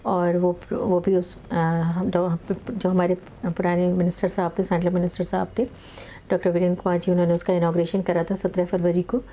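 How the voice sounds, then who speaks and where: A middle-aged woman lawyer explaining a project in an interview, speaking in a measured way with many pauses and English legal terms. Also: lowish voice, level tone, warm tone, a little hiss or hum.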